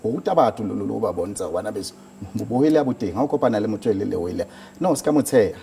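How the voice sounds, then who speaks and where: Male interviewee, South African Sotho accent, quick but halting stuttered speech, low mellow voice, faint noise. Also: animated, creaky. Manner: halting, with repeated words and stutters. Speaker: organisation founder being interviewed. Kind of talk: studio news interview answers.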